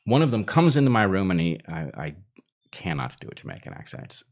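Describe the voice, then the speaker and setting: A man with a very deep, low voice tells a long personal story in an easygoing, conversational way. He meanders, restarts and pads his sentences with fillers before getting back on track. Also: big pitch swings, fast. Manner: rambling, self-interrupting with fillers. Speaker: storyteller guest. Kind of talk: casual anecdote.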